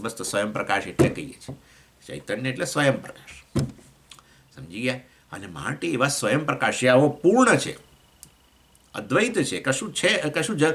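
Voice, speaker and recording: Gujarati-accented male swami teaching scripture; bright, questioning, lively teacher. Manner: explains with questions to listeners, acts out voices of elements; pitch swings between raised points and low asides. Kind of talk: scripture class lecture.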